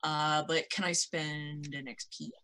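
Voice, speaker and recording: A woman's voice: sits low, steady tone, unhurried, bright, forceful tone. A woman playing a tabletop game, chatting casually in a playful, self-mocking way.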